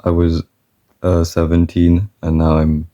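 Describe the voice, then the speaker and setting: A man's voice: deep voice, monotone, unhurried, mellow, muffled recording. A man of twenty-one chatting casually and rambling, often stopping himself mid-sentence and laughing. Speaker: artist vlogger. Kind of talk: casual chat.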